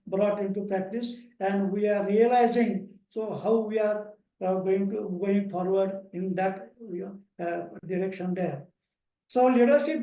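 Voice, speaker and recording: A man with an Indian English accent giving an online lecture to teachers, slow and repetitive with many fillers, recorded over a video call. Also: high voice, warm tone. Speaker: lecturer at a teachers' training program. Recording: echoey room, speaker far from the mic.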